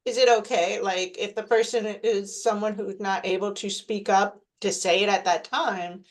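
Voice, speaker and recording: A woman's voice: mid-range voice, fairly even intonation, moderate pace. A woman taking part in a workshop, candidly describing a practice exercise and asking the trainer direct questions. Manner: candid, asks direct questions, talks with filler. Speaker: workshop participant. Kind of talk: discussion in a training session.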